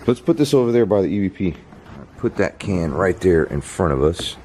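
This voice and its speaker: A man calling out questions to spirits on a bridge at night as an amateur ghost hunter, excitable and casual. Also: low-pitched, fairly quick. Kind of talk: casual ghost-hunting vlog. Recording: loud outdoor noise on camera audio.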